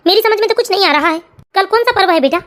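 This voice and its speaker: A woman voicing an older retired male clerk, a proud and stubborn father in a cartoon family story, talking quickly and earnestly. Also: very high-pitched, animated, a bit bright. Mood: puzzled.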